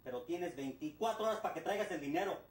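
A man's voice: on the high side, expressive, fast talker, close to an everyday voice. A middle-aged man with a Mexican Spanish accent playing a ruthless, foul-mouthed kidnapper boss who barks orders and threats. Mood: menacing. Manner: barking orders, insulting and threatening. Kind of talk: low-budget film acting. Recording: echoey room with music underneath.

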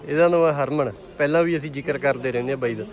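A Punjabi-accented vlogger who also works the camera talks very fast at a medium pitch. He chats casually and jokes heartily with his friends while shopping.

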